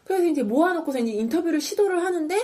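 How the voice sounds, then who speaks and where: A woman's voice: very high voice, lively intonation, racing, dark tone. A woman podcast host in a casual chat, animatedly retelling a TV drama and acting out its lines.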